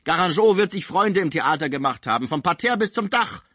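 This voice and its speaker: A man playing a dying old musician in an audiobook, agitated and bitter, voice strained high, husky. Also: animated, a little fast, sharp tone, no room sound, studio quality. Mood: despairing. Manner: agitated, outraged outbursts. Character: sick old male musician, bedridden, frantic and bitter. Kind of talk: audiobook character voice.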